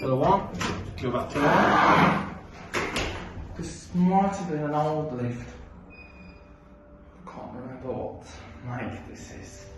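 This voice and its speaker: A man's voice: fairly high pitch, lively intonation, slow pace, long pauses, very noisy. A man giving casual on-location commentary in short, observational remarks as a video host. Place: inside lifts and shops. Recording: echoey, distant camera mic, music behind.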